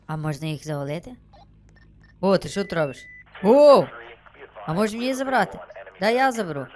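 Excitable gamer guy. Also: high-pitched, fast. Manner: excitable, chatty, thinks aloud as he plays. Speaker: gaming streamer. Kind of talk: casual gameplay commentary.

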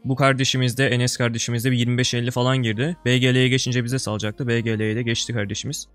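A young man talks through his gameplay for viewers in a casual, slangy buddy tone. He swings from loud excited outbursts down to low grumbling mutters. Faint music plays softly under his voice. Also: fast. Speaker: gaming video creator.

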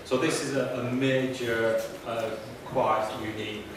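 This panelist, a professor, has a medium-pitched voice and a flat delivery and sounds far from the microphone. Seated at a conference room panel table with a handheld mic, he speaks haltingly, with many ums and restarts. The recording is noisy, with a distant, echoing room sound.

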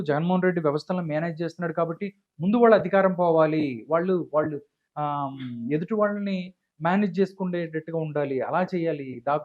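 Hesitant male interviewer, dull audio. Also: high-pitched. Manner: hesitant, filler-heavy. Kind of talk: interview questioning. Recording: dull lo-fi sound.

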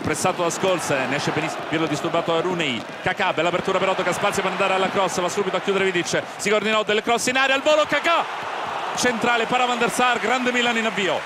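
A man giving breathless, excitable live football play-by-play. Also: high-pitched, very noisy. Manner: breathless, excitable, drawn-out shouts on shots and goals. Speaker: football match commentator. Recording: broadcast mix with very loud stadium crowd. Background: roaring stadium crowd.

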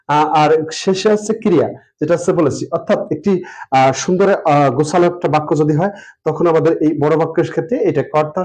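A man's voice: a little high, darkish tone, poor audio. Man teaching a grammar lesson.

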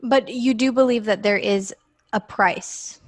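A woman's voice: a little high, unhurried, no room sound, clean studio sound. A woman hosting a podcast, asking reflective, curious questions in a conversational way. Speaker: podcast host. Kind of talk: conversational interviewing.

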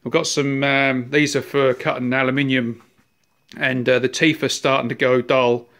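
A man's voice: mid-range voice, flat delivery, normal speed, fairly bright tone. A man in his fifties with a New Zealand accent, casually showing his cluttered workshop on a handheld phone, rambling with many fillers. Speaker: workshop owner. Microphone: handheld phone camera.

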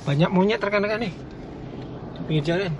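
Here a man talks quickly in a high-pitched voice as he drives, giving easygoing commentary and addressing his viewers as colleagues. The recording, made inside the moving car, is a bit muffled with light road noise.

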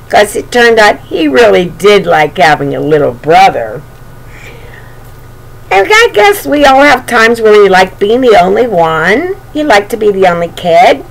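A slightly high, creaky voice belongs to an older woman reading a storybook aloud and speaking lovingly to young children. She's recorded indoors in a small bedroom on a webcam at arm's length, with plenty of home noise.

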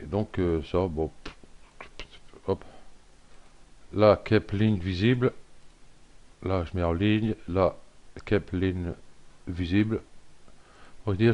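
A man giving a casual software tutorial, thinking aloud with lots of fillers and little self-deprecating asides. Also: sits low. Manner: rambling, thinks aloud with many fillers and "hop". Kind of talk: casual screen-recorded tutorial.

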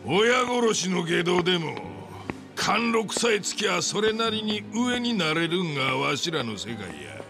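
A man playing a scornful, domineering middle-aged yakuza boss in a video game, with a Kansai accent and a gravelly, mocking, bullying delivery. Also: sits high, very animated, unhurried, music in the background, exaggerated voice. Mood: scornful, goading. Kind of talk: dramatic video game acting.

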